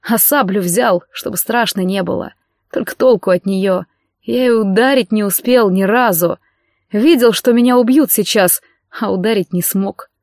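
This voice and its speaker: A woman's voice: medium pitch, normal speed, darkish tone, dry recording, natural voice. Young nobleman, read by a woman: anxious, bitter, self-pitying, tearful pleading with sudden outcries; dry audiobook. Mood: despairing.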